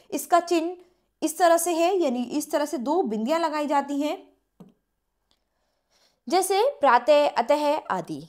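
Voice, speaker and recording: A female teacher with a high voice leads a grammar lesson, reading definitions and then explaining them informally. She slows down to spell out letters and examples.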